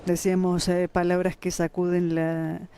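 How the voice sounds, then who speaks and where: A man's voice: sits high, completely flat delivery, a little slow, mellow, slight background noise. A man giving live broadcast commentary on a religious ceremony.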